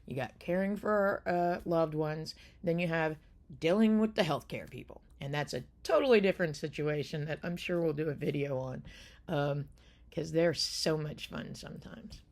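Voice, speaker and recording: A woman's voice: low-pitched, normal speed, darkish tone. A woman hosting a caregiving channel, talking casually to the camera in a loose, rambling way with many fillers and restarts.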